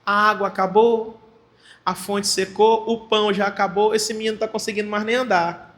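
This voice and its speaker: A man voicing a desolate mother lying in the desert, murmuring quietly and hopelessly. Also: high voice, fairly even intonation, moderate pace. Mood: despairing.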